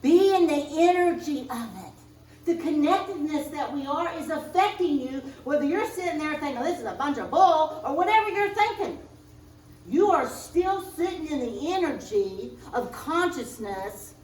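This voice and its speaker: A woman minister preaching a sermon, speaking in slow, emphatic spiritual affirmations, recorded in a church sanctuary. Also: sits high, expressive. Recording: roomy distant church recording.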